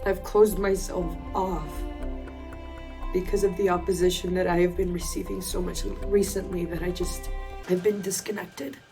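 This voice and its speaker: A woman from Colombia sharing a personal faith testimony in a reflective, earnest way, with pauses. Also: on the low side, steady tone. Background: soft instrumental music.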